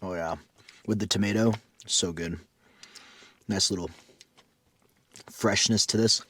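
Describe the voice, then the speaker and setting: A man fixes breakfast at a mountain campsite and then continues inside a tent, chatting casually to camera for his camping vlog. He talks a little slowly in a low-leaning, slightly rough voice that's a bit bright, keeping his intonation fairly even.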